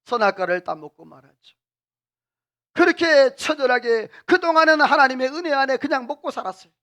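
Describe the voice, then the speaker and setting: High, lively preaching man. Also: a little fast. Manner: animated, questions the congregation and has them repeat phrases. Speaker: senior pastor. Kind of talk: sermon. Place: church sanctuary.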